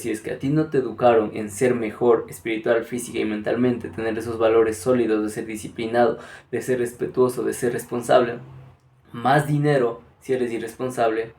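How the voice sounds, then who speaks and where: Guy giving a spiritual pep talk, earnest and direct, mid pitch, roomy echo. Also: level tone, a little fast, darkish tone. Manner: earnest, direct, addresses the listener as you. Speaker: spiritual speaker. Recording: echoey room.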